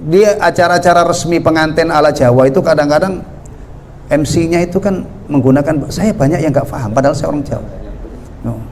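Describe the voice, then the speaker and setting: A man's voice: fairly high pitch, brisk, darkish tone, slight background noise. A man from Central Java, Indonesia, teaching a mosque study session in a conversational way, often asking the audience questions. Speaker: Islamic teacher.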